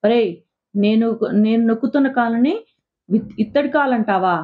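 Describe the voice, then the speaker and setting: A woman's voice: on the high side, lightly acted. A woman voicing squabbling foolish young disciples. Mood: bickering. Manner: squabbling, drawn-out threats. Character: bickering young male disciples, foolish and quarrelsome. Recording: tinny phone-like recording.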